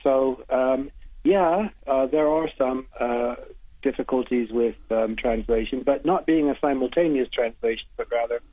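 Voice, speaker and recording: An American man with a medium-pitched voice answers radio interview questions as a literary translator. He halts often, with many hesitations and restarts. The sound comes over a tinny phone line and is dry.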